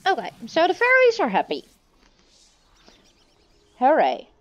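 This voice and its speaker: A woman's voice: extremely high pitch, wildly swooping pitch, unhurried. A woman giving casual gameplay commentary, talking through what she is doing. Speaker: gamer commentator. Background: faint game music.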